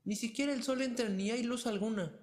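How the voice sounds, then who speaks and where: A man voicing a tiny, clever, mischievous boy who shouts in a shrill, drawn-out way. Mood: cheeky. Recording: long hall reverb.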